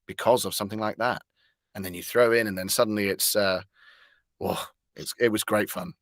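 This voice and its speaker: Interviewed as a guest, this voice actor talks a little fast in a fairly low, bright and steady voice, full of whimsical, articulate wordiness. The studio sound is clean, without echo.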